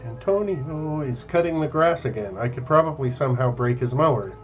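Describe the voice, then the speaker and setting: A young man giving casual, wry, deadpan let's play commentary on a video game. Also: mid-range voice, fairly quick. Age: young adult. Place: small room indoors. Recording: band-limited, dull webcam-setup audio. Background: faint game music.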